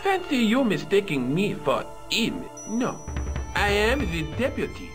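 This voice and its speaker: Fussy, theatrical museum custodian for an adventure game; high and very animated. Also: male voice, a little slow, music in the background, exaggerated voice. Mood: haughty. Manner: haughty, theatrical, self-important. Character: pompous fussy French male museum deputy custodian. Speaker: museum guard character. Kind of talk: video game voice acting.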